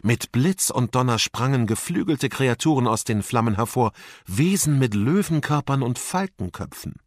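Male audiobook narrator, expressive, husky, dry close sound. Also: medium pitch, normal speed, no echo. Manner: expressive storytelling.

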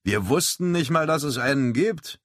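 A man's voice: a little high, lively intonation, normal speed, no room sound, studio quality, voice pushed up. A man voicing a sour, mocking male sailor who grumbles in a storybook reading. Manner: grumbling, sarcastic.

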